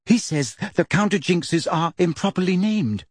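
A man voicing a clever, eager teenage schoolgirl in a storybook reading, speaking in a clear, carrying voice. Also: high voice, animated, normal speed, dry recording, clean studio sound, voice pushed up. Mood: confident.

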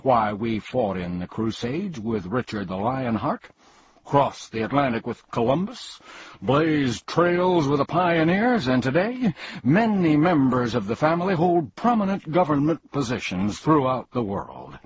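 A man's voice: mid-range voice, lively intonation, a little slow, husky, no room sound, lo-fi sound, voice pushed up. A man voicing a pompous, blustering old male humbug bug who declaims and boasts in a storybook reading. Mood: boastful.

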